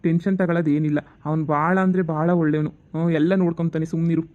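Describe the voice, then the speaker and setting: Rapid bossy son-in-law, woman doing him, lowish voice, muffled recording. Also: flat delivery, close to an everyday voice. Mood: lecturing. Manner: lecturing, dismissive. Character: blustering son-in-law, boasts of police friend. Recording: dull lo-fi recording.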